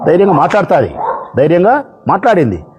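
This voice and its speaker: A man's voice: high-pitched, huge pitch swings, fast, dull audio, background noise. A man speaking as a politician, addressing the press in an impassioned, repetitive way. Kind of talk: public speech to press.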